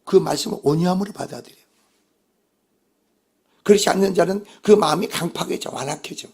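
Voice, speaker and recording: Gravelly, husky male pastor preaching. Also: sits high, a little fast, darkish tone. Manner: emphatic, asks the congregation rhetorical questions. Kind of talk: sermon.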